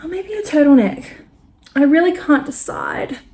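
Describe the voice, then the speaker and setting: A woman's voice: high-pitched, wildly swooping pitch, normal speed, vocal fry, a little mellow. A young Australian woman chatting casually in a knitting vlog, full of fillers and asides. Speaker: knitting vlogger.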